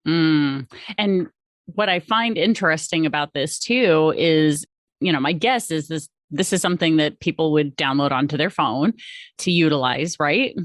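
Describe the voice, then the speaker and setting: Woman, casual interviewer, informal and talkative, stuffed-up lower voice, very dry sound. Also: normal speed, no echo. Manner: informal, chatty. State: congested from a head cold. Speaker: podcast host.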